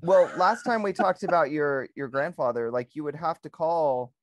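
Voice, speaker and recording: A man co-hosting a podcast in casual conversation, pausing often with ums and restarting his sentences. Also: fairly high pitch, dry recording. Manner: hesitant, many ums and restarts. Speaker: podcast co-host.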